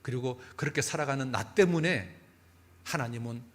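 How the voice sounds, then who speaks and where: A male pastor preaches to his congregation, telling stories with animated delivery and dramatic pauses. His voice sits at a middle pitch and has a slightly husky, breathy edge. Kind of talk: sermon storytelling.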